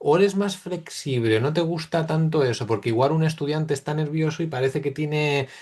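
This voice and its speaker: Man, somewhat high voice, interviewer, long questions. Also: moderate pace, darkish tone. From Spain. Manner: asks long follow-up questions. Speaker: interviewer, host.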